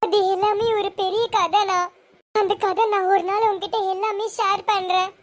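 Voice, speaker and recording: Woman as a very high-pitched tearful younger sister, earnest. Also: level tone, normal speed. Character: long-lost younger sister, young mother, emotional.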